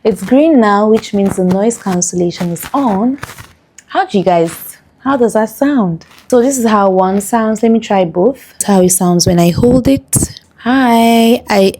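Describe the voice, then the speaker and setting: A woman's voice: medium pitch, measured pace, mellow. A woman chatting casually as she tests a small clip-on wireless mic indoors, her voice run through the mic's noise-reduction processing. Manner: chatty, gushing, rambling with fillers. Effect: noise-reduction processing from the mic's noise cancellation. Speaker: vlogger reviewing wireless mics. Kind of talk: casual product review chat. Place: indoor room with air conditioning running.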